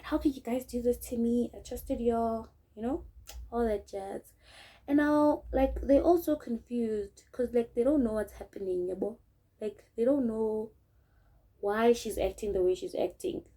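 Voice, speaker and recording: A young South African woman with a South African accent tells a casual storytime while doing her makeup for a vlog, animatedly acting out what people said and mixing in local words. Her voice is medium-pitched, and the audio is poor.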